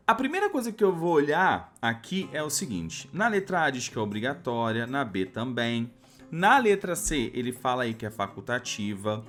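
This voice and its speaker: A man's voice: on the high side, fairly bright tone. A man teaching a grammar lesson for exam prep, explaining step by step and often checking in with "tá?". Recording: faint music under the voice.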